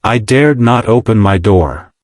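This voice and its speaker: A man voicing a frightened young housemaid, hushed and timid, in a cozy mystery audiobook. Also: lowish voice, lively intonation, measured pace, no room sound, studio quality.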